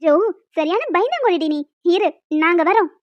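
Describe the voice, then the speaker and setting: A woman's voice: very high-pitched, big pitch swings, normal speed, highs cut off, a little hiss or hum. A woman voicing a group of cheeky, chatty schoolgirls in a cartoon. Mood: bossy teasing. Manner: chatty, teasing.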